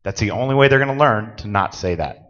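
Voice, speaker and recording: A man with a low, deep voice gives a conference presentation in a large hall, talking plainly and directly as he explains rules to the room. The audio is dull and lo-fi, with a long reverb trailing his words. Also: animated, fast, a bit bright. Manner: plain-spoken, direct, instructive.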